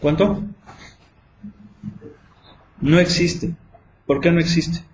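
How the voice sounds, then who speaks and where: A man's voice: fairly high pitch, measured pace, highs cut off. A man teaching math in a classroom, quizzing students with repeated questions. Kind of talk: classroom lecture.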